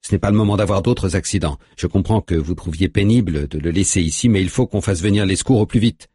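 A man's voice: low-pitched, fast, dark tone, slightly rough, no room sound, clean studio sound, pitched above the performer's own voice. A man voicing a tense male hiking companion who takes charge and urges the others on. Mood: impatient. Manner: urgent, pressing.

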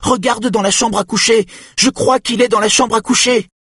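A man's voice: extremely high pitch, fairly even intonation, normal speed, a bit bright, slightly rough, dry recording, clean studio sound, pitched above the performer's own voice, full character voice. Man doing a terrified young woman. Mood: frantic. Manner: urgent whispers and frantic cries.

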